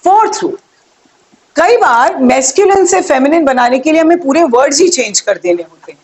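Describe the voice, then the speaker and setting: A young woman teaching an English grammar lesson, explaining slowly, spelling words out letter by letter and asking her viewers questions. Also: sits high, expressive, a little mellow.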